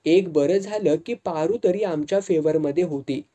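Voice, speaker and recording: A narrator reading a serialized novel aloud in measured, first-person storytelling. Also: male voice, on the high side, dark tone. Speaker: audiobook narrator.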